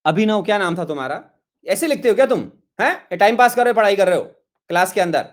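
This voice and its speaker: A middle-aged Indian man with a high voice lectures an online chemistry class. Exasperated by the questions in the chat, he scolds the students, repeating the same reproaches over and over.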